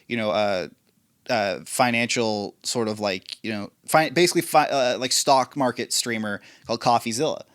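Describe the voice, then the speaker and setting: A man's voice: medium pitch, a bit bright. A man co-hosting a podcast in casual chat, telling stories in a loose, rambling way. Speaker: podcast co-host.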